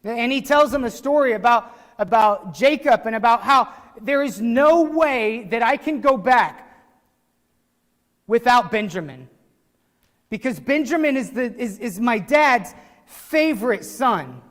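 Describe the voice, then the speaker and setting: High-voiced pastor preaching in an echoey hall. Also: male voice, measured pace. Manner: conversational, animated preaching with restarts and asides. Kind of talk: sermon. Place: church sanctuary.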